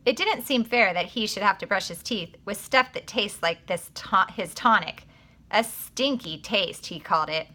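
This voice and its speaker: A woman, a teacher, reading a children's book aloud in an expressive, animated way. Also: mid-range voice, normal speed, few pauses.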